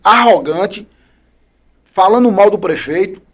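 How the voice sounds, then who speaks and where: A man with a high-pitched voice speaks as a politician guest on a podcast. He argues combatively and hammers his points home with rhetorical questions. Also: measured pace, fairly bright tone. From Bahia, Brazil. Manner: combative, emphatic criticism with repeated rhetorical questions. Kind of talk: podcast interview.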